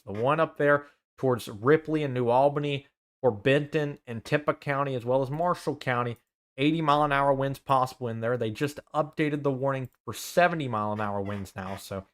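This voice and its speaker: A young man, a student meteorologist, giving live severe weather coverage, listing towns and arrival times with urgent warnings and some self-corrections. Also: mid-range voice.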